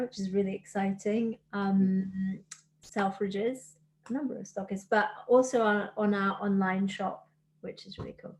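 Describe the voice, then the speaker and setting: A woman's voice: mid-range voice, darkish tone. Woman guest, business founder, chatty and enthusiastic, mid-range voice. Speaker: guest, kombucha brand founder. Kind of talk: casual podcast chat.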